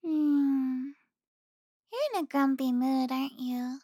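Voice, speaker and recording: A young woman playing an affectionate, teasing girlfriend in an intimate audio roleplay, speaking softly with sighs and giggles. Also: sits high, fairly even intonation, slow pace, dry recording, studio quality.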